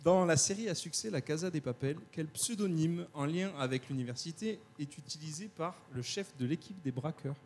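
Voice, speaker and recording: A man's voice: a little high, normal speed, hardly any pauses, noisy background. A man hosting a live quiz in a university lecture hall, hesitant and joking, with many restarts. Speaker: quiz host of a web TV talk show.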